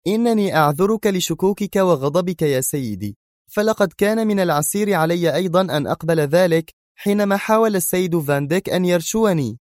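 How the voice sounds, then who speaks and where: A man's voice: sits high, animated, a little fast, darkish tone, no echo, clean studio sound, pitched above the performer's own voice. A man voicing an Egyptian woman history professor who speaks in a tense, urgent way.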